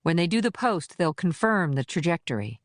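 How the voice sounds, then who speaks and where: A woman's voice: on the low side, very animated, moderate pace, dry recording, clean studio sound. A woman voicing a tough, blunt female federal agent in an audiobook, with clipped, defensive delivery. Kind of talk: audiobook character reading.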